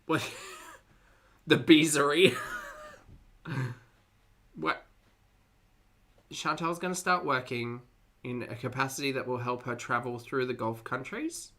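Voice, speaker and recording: A streamer reacts to videos and chats with viewers in a medium-pitched, slightly bright voice, taking it slowly and pausing often. The commentary is casual and wry, with frequent chuckles and repeated phrases.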